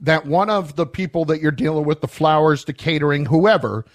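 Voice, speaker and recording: A man's voice: a little high, a little fast. A man co-hosting a talk radio show, chatting casually with an amused, wry, teasing manner. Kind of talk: casual sports radio banter.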